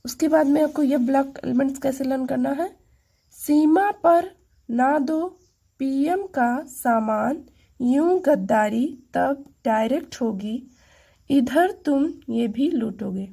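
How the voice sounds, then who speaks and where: A woman teaching chemistry mnemonics, reciting the tricks slowly syllable by syllable and speaking to viewers as friends. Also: sits high, creaky, dark tone. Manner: slow, syllable-by-syllable recitation for memorizing.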